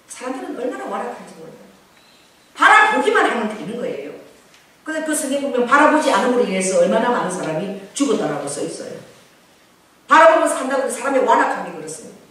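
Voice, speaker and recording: Animated woman pastor in an echoey room. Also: medium pitch. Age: 40s. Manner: animated storytelling, swinging between loud outbursts and soft asides. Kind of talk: sermon. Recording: echoey room heard from a distance.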